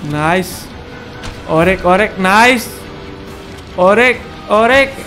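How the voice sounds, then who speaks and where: A man giving excited gameplay commentary, taunting and repeating words in quick bursts. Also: high voice, music in the background. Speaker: gaming channel host.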